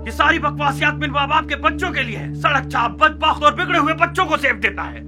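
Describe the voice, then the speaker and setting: A man's voice: very high-pitched, expressive, fast talker, over music. An actor dubbing an irritable nobleman husband in a historical drama, speaking sarcastically and scolding. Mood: angry.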